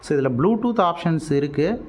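A product reviewer with a Tamil Nadu accent casually explains things in an unboxing vlog, dropping English words into his speech. His voice is a little high and his pace moderate, and there is noticeable steady background noise.

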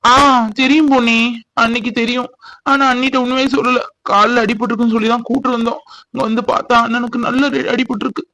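A man's voice: very high-pitched, little pitch movement, quick pace, pushed and bright, exaggerated voice, rough recording. A man voicing a caring, reassuring young village man in a dubbed cartoon. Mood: explaining. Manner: reassuring, explaining.

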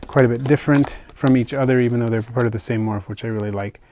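An older man casually narrating a hobby vlog as he unpacks and shows his isopod purchases, talking in a relaxed, chatty way with fillers and soft asides. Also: medium pitch, fast, a little hiss or hum. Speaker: isopod keeper unboxing purchases. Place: indoors at a table, hands on camera.

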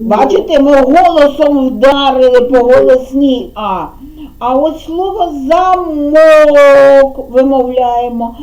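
A woman teaching a preschool class, with a gentle, drawn-out sing-song manner and a Ukrainian accent. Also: high voice, rough recording. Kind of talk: preschool lesson with children. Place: kindergarten classroom.

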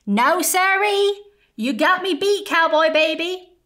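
A patient, kindly cowboy sheriff calls out in a loud, high drawl, as a woman reads him aloud. He is a storybook father figure, bright and forceful in tone. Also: animated, takes it slowly, full character voice. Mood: fond.

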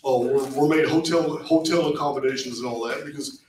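A middle-aged man giving a casual talk to a small meetup in a meeting room, animated and restarting his phrases often. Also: mid-range voice, normal speed, a little hiss or hum. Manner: animated, repeats words, many restarts. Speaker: presenter at a meetup. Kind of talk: casual lecture to a small audience. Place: meeting room with projector screen. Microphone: far camera at back of room. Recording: echoey room from far off.

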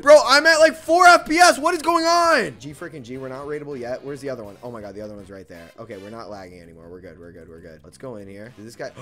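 A young man commentating on his gameplay as a hyped gamer bro, excitable and slangy, often repeating short phrases. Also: medium pitch. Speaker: gaming video host.

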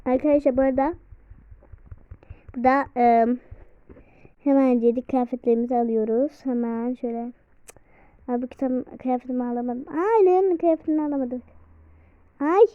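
A young woman chatting casually as she plays a mobile life-sim game, excitable and apologetic, often exclaiming. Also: sits high, moderate pace, pauses often, smooth. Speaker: game vlogger. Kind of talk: casual let's-play commentary. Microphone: phone. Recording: tinny phone-like recording.

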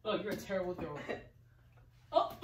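A young woman bantering casually with blunt, playful teasing, recorded at home on a camera standing a few metres off. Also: on the high side. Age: young adult. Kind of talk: casual playful banter during a challenge video. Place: home room, indoors. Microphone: camera a few metres away. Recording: roomy, distant mic, clearly noisy with clicks.

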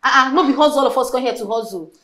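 An actress playing a jealous, scornful Nigerian waitress gossiping in a film drama. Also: female voice, sits high, very fast, crowd noise, close to an everyday voice. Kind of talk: film drama dialogue in Pidgin.

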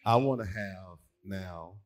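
A man's voice: low voice, slow pace. A man, a pastor, leading a church brunch and inviting families up to share gifts of love. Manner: warm, encouraging, calls people up. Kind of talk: hosting a church brunch presentation.

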